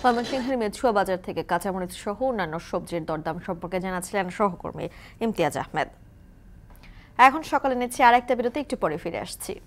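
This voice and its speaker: A woman's voice: medium pitch, lively intonation, quick pace, slight background noise. A woman anchoring a morning news bulletin, reading formal links to reporters in the field. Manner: crisp, formal link reading. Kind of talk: scripted news presenting.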